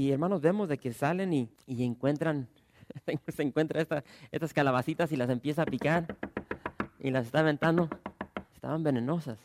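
A man's voice: on the high side, vocal fry, a little mellow. A man preaching a sermon, asking the congregation questions and reading scripture aloud with emphasis. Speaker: pastor.

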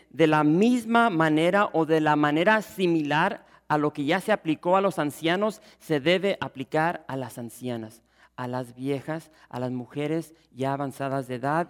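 A man's voice: on the high side, long reverb tail. A male pastor preaching an expository sermon who speaks straight to his congregation.

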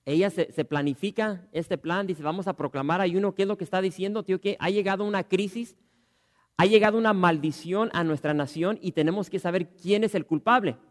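A man preaching a sermon and reading scripture aloud. He swings from loud, emphatic lines to low, hushed ones. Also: fairly quick. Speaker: pastor.

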